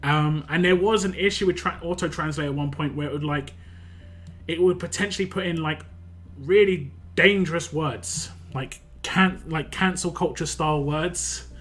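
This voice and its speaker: A young man, West London accent, keeps up casual chatter while streaming a game, talking fast and rambling with frequent restarts and fillers. His voice leans high and fairly bright, and faint music can be heard behind.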